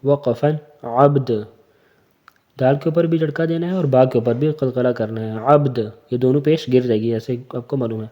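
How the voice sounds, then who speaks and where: A man teaching Quran recitation in a recorded lesson. He sounds out letters one by one, slowly and patiently, keeps saying "theek hai", and asks his learners questions that he answers himself. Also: medium pitch, steady tone, highs cut off. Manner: fills pauses with "theek hai".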